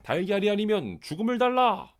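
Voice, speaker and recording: A man voicing indignant, demanding storybook villagers in declamatory, clearly enunciated speech. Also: high-pitched, big pitch swings, fairly quick.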